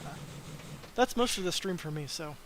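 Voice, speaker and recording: Casting: young male dev streamer, slightly high voice, loose and rambling, light hiss behind. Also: lively intonation, normal speed. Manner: rambling, filler-heavy, tired. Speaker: mod developer streamer. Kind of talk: casual live stream chat.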